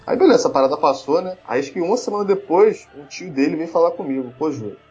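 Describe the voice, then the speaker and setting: A man's voice: a little high, lively intonation, quick pace, a little mellow, breathy edge, highs cut off, faint music behind. A man with a Brazilian Portuguese accent telling a story in casual chat, full of fillers and restarts. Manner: chatty, lots of fillers and restarts.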